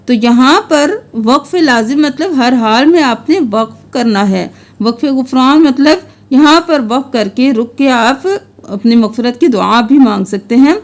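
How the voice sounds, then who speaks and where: High-voiced woman teaching Quran recitation. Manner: patient step-by-step explaining, chanting verses slowly and melodically.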